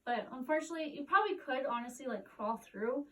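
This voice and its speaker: A woman's voice: high voice, lively intonation, fast talker. A woman working as a cave tour guide, explaining formations to a group in a casual, informal way. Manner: casual, frequent "like" and "kind of". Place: inside a cave, speaking to group. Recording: distant mic, faint noise, inside cave.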